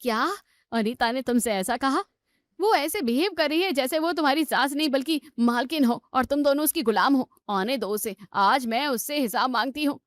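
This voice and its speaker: A woman's voice: high-pitched, normal speed, no room sound, studio quality, lightly acted. A woman voicing a stern, protective elder sister-in-law in a cartoon story, firm and indignant.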